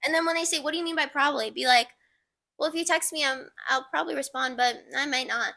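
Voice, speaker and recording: A woman's voice: sits high, quick pace, vocal fry. A young woman in her twenties co-hosting a podcast, chatting casually and telling stories animatedly, acting out what people said. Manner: animated storytelling, acts out quoted dialogue. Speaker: podcast co-host. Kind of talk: casual chat.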